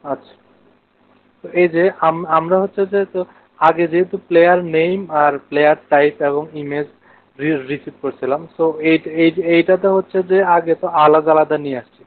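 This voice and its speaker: On narrow, phone-like class audio, a man with a Bangladeshi accent runs a live online coding lesson. His voice sits on the high side, stays fairly even and moves at normal speed. He breaks things down step by step, asks students questions and uses English technical terms along the way.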